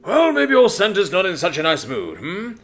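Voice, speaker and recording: A man voicing a foul-mouthed, violent old Santa Claus in a spoken story, mocking and shouting threats. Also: high-pitched, huge pitch swings, normal speed, pitched above the performer's own voice, exaggerated voice. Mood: mocking, angry.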